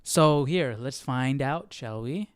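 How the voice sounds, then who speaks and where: A young man hosts a casual Bible study livestream, thinking aloud and repeating phrases as he goes. His mid-range voice is slow, clear, and resonant, captured in dry, studio-quality sound through a close handheld or desk microphone with headphones.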